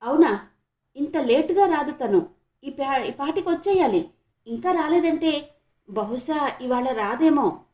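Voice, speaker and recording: A sharp, no-nonsense schoolgirl, acted by a woman narrator in an audiobook, scolding and exasperated. Her voice runs high and mellow, with an echoey room around it. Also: lively intonation, unhurried, pauses often. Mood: puzzled. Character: sharp, sensible schoolgirl, impatient and dismissive.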